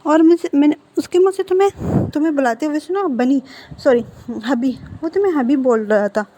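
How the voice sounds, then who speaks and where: A woman's voice: sits high, a little fast, dark tone, a little hiss or hum, natural voice. Nosy young woman student, full of questions; woman narrator voicing. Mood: curious.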